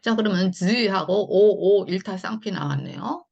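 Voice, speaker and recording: A woman teaching English phonics in an online lesson, talking slowly and patiently with many fillers. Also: mid-range voice, expressive, gravelly, a little mellow, highs cut off.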